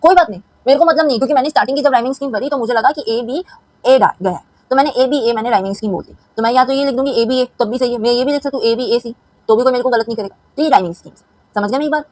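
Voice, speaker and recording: Fast-talking Indian woman teacher. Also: fairly high pitch, darkish tone, no room sound, low-quality recording. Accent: Hindi-speaking Indian. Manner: chatty, keeps asking if students follow. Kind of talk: explaining a lesson.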